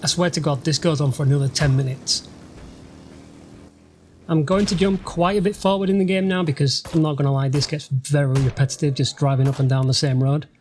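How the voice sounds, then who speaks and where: A man's voice: on the high side, steady tone, fairly quick, darkish tone, a little hiss or hum. A man from the UK, a gaming channel host, giving sarcastic, dryly mocking voice-over commentary over gameplay. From United Kingdom. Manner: sarcastic, dry mocking humour. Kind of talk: let's-play voice-over commentary.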